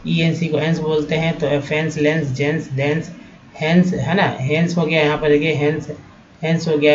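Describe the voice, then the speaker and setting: A man's voice: on the high side, muffled recording. A man teaching English spelling and pronunciation from slides, explaining patiently step by step and often checking in with his viewers. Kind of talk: slide-based language lesson.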